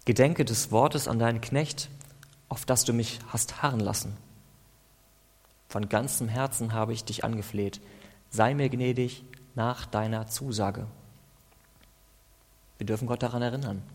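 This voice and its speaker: A man reading psalm verses aloud as a devotional, stopping now and then to comment in a plain, conversational way. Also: mid-range voice. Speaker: preacher. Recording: long hall reverb.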